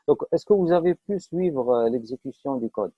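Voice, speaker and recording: A man's voice: medium pitch, expressive, moderate pace, breathy edge, no echo. A man teaching a live online programming class, explaining step by step with frequent fillers and checks that students follow. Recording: dull lo-fi online class audio.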